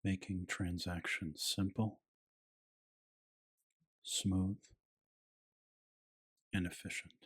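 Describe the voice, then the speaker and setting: A man narrating a scripted bedtime piece in a hushed, soothing, soft-spoken ASMR style with a breathy voice. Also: deep voice, little pitch movement, very slow, long pauses.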